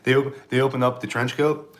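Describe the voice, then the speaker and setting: A man's voice: mid-range voice, little pitch movement, brisk. A man from Pennsylvania, a stand-up comedian, rambling sarcastically in a casual live stream while answering chat, with frequent restarts.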